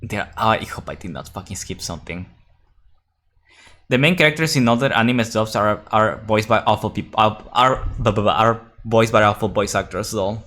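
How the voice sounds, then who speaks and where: A man's voice: on the low side, moderate pace, fairly bright tone. A young man streaming a game, chatting casually with viewers and reading the game's text aloud, rambling and restarting his sentences and swearing now and then.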